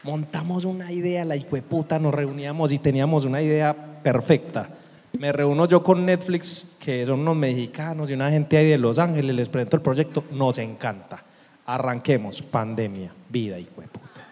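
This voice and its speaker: A man telling events plainly and matter-of-factly in casual conversation. His voice sits slightly high, with a long hall reverb around it. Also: moderate pace, warm tone. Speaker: show director. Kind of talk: casual chat.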